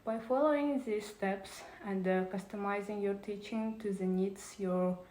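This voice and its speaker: A woman's voice: medium pitch, unhurried, darkish tone, reverberant, poor audio. A woman presenting a prepared talk on teaching, reading carefully with small restarts.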